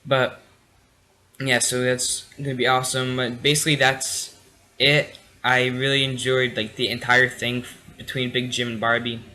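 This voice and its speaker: A man's voice: mid-range voice, level tone, normal speed, sharp tone, poor audio. A tired young man casually reviewing a TV episode late at night, rambling with many fillers and restarts. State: tired, yawning.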